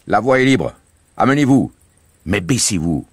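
A man voicing Bouzig, a cheeky, breezy male canal keeper who talks in loud, coaxing exclamations. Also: lowish voice, very animated, moderate pace, breathy edge, dry recording, pitched above the performer's own voice, full character voice. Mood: reassuring.

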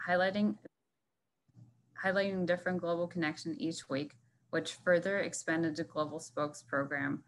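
A woman's voice: on the low side, fairly bright tone, poor audio. A woman board member giving an upbeat prepared speech at an online event, from a construction site. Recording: faint construction background noise.

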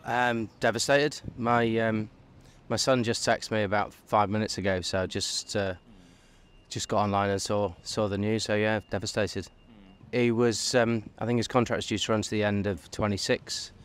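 A man in his forties with a lowish voice gives a considered street interview. He picks his words with frequent pauses, speaking into a handheld mic. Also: little pitch movement, clear, resonant tone. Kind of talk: street vox pop interview. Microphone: handheld interviewer's microphone.

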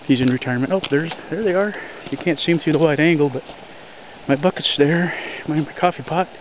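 Plain-spoken man on a creek hike. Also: fairly high pitch. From Alaska. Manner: plain-spoken, breathy from hiking over rough ground. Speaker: homesteader vlogger. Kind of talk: casual walking narration. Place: outdoors in woods by a creek. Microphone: body-worn action camera. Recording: dull lo-fi camera audio, loud creek noise. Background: rushing creek water.

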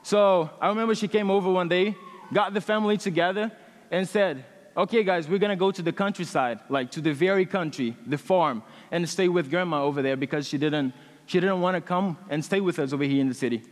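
Earnest and halting, with plenty of fillers, a student in his twenties gives his personal testimony to a congregation. He is a native Portuguese speaker with a Brazilian accent, his voice sits high, and he uses a headset mic in a large church hall.

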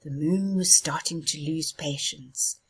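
A woman reading a children's story aloud in a soft, hushed, half-whispered way. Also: low voice, measured pace, slightly rough. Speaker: storybook reader.

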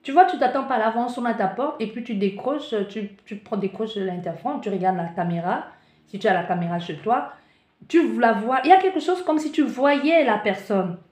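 A woman's voice: a little high, normal speed. A woman giving spiritual guidance from a card reading, talking with animation and often restarting or searching for words. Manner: animated, acts out the listener's panic in asides. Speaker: tarot card reader. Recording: echoey room.

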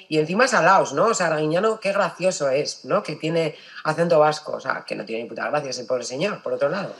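Blunt woman with a Basque accent. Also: lowish voice. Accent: Basque Spanish. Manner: emphatic, blunt, casually profane. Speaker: panelist. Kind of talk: panel discussion.

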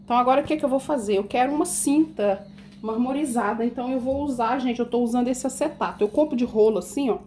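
A woman with a somewhat high, slightly mellow voice talks quickly while decorating a cake in her home kitchen, with a little hiss or hum in the recording. It's a casual baking tutorial in which she chats with her viewers, calls them "gente," and explains each step.

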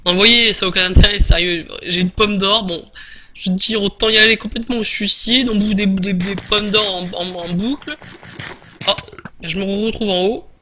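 A man's voice: sits high, fairly even intonation, normal speed, noisy background. A man giving casual, chatty gameplay commentary, hesitant with many fillers and restarts. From France. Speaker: gaming YouTuber.

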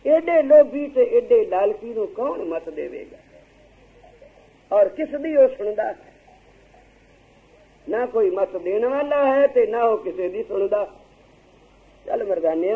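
A man, preaching and telling a moral story as a Sikh preacher, acting out the voices of the people in it. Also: sits high. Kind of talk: storytelling religious discourse. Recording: tinny phone-like lo-fi recording.

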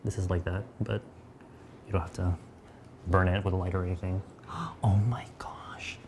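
A man's voice: deep voice, fairly even intonation, moderate pace, a little mellow, slight background noise. A man in his thirties, a makeup artist hosting a beauty livestream, chatting and teasing casually in a studio. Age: 30s. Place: bright studio set.

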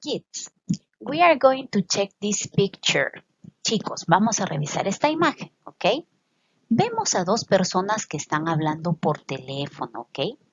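Breathy woman teacher, slow and lively. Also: mid-range voice, no room sound, dull audio. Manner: slow, drawn-out English words, quick Spanish explanations; addresses the children often and checks with a frequent "ok?". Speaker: English teacher. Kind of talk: bilingual lesson for children.

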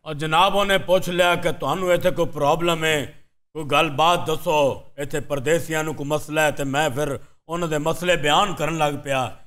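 Man doing a long-winded prisoner, former social worker, earnest, deferential, rambling, slightly high voice. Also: steady tone, moderate pace, fairly bright tone, close to an everyday voice.

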